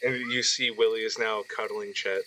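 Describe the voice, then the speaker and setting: A man's voice: fairly low pitch, little pitch movement, moderate pace, a loud crowd. A man narrating a tabletop game casually as game master. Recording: noisy, crickets chirping behind.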